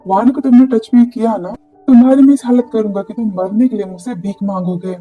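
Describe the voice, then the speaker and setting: A woman reading the lines of a male mafia boss who pleads and shouts in a retold drama. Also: on the high side, fairly quick, soft background music, natural voice, low-quality recording. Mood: pleading. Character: hot-tempered male mafia boss in love.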